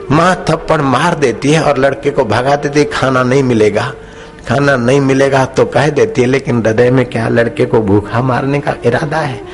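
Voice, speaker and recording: A man preaching a devotional sermon, telling stories and acting out the people in them, stretching some phrases slowly for emphasis. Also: mid-range voice. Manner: acts out quoted characters in his stories; drops into slow, drawn-out phrases for emphasis. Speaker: spiritual preacher.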